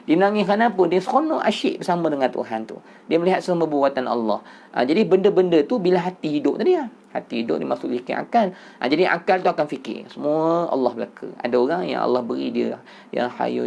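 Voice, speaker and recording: A male religious teacher with a Malaysian Malay accent and a gravelly edge to his mid-range voice. He delivers a Sufi lecture in an explanatory way and keeps addressing his audience directly. His lively manner leans on repeated phrases for emphasis. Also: medium pitch. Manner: explanatory, punctuates with "ha" and addresses listeners as "tuan-tuan".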